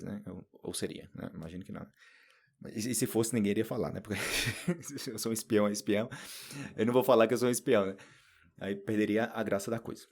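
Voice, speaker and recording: A man from Paraíba with a northeastern Brazilian accent, chatting casually as he teaches Portuguese, animated and lively, often acting out other people in a higher voice. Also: vocal fry. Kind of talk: unscripted podcast lesson.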